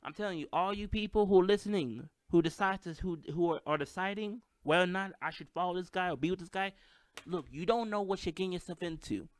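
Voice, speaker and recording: A man's voice: high-pitched, quick pace, no echo. A man with a slight lisp and a stutter, hosting a casual solo podcast, hyped and self-deprecating. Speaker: podcast host. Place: at home with microphone.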